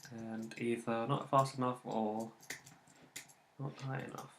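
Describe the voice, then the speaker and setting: A let's play host casually commentates on the game he is playing, his medium-pitched voice level and slow. He mutters, rambles, and swears at his failed attempts, in an echoey room with a noisy background.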